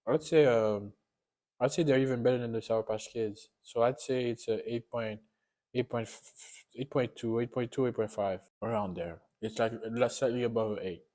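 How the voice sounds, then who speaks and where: A man's voice: medium pitch, fairly even intonation, normal speed, mellow. A man giving a casual, unscripted taste-test review while eating sour candy, often repeating and rephrasing himself.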